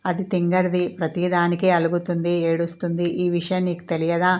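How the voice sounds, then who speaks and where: A woman's voice: on the low side, completely flat delivery, a little fast, a little mellow, close to an everyday voice. A woman voicing a young man who is blunt and firm with his young wife in a storybook romance. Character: young man, teasing, stern with his bride.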